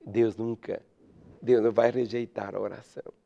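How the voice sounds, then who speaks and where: A man preaching a radio sermon, swinging between loud fervent pleading and hushed, almost whispered lines. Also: fairly low pitch, flat delivery, normal speed, gravelly, lo-fi sound. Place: radio studio.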